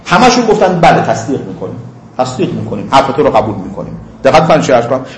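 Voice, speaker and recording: A man giving a seminary lecture, reading Arabic passages slowly and then explaining them in casual, conversational speech. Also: a little high, reverberant. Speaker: religious teacher.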